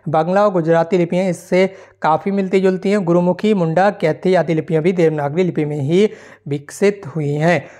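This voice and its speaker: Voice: medium pitch, fairly even intonation, normal speed, mellow. A teacher giving an online exam-prep lesson, reading each question aloud and explaining its answer point by point with frequent check-ins to the students.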